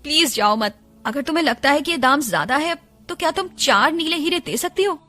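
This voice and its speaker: A woman voicing a cheerful young male bookseller boy in an audio story, eager and pleading as he makes his sales pitch. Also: animated, brisk, pushed and bright, soft background music.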